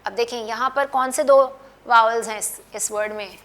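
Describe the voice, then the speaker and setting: A woman teaching an English phonics class, her voice sitting a little high. She draws out each example word and repeats it with emphasis, pausing to quiz her students. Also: steady tone, a bit bright. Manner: drawn-out, emphatic word repetition.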